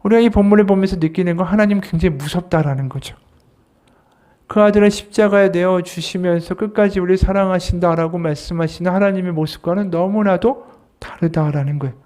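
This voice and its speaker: A man's voice: high-pitched, brisk, darkish tone. A man, an associate pastor, preaching an earnest sermon and voicing quoted scripture and dialogue with emphasis.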